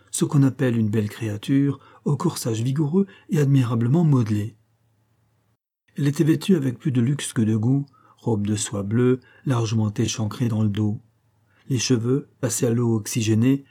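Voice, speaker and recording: Brief: male audiobook narrator, husky and dark-toned, deliberate literary reading. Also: mid-range voice.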